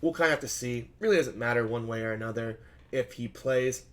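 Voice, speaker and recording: A male fantasy basketball analyst hosts a solo sports betting slate breakdown, his middle-pitched voice hoarse and scratchy from shouting at a game. He talks briskly and casually, thinking aloud, rambling, correcting himself and leaning heavily on fillers.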